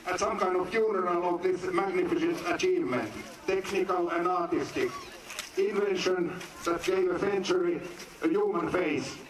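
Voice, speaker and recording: Finnish-accented man, high voice, earnest formal speech, heard from far off in a hall. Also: background noise. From Finland. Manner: earnest, declamatory, short phrases with pauses. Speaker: guest speaker at a film screening. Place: large indoor venue. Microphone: phone recording from the audience.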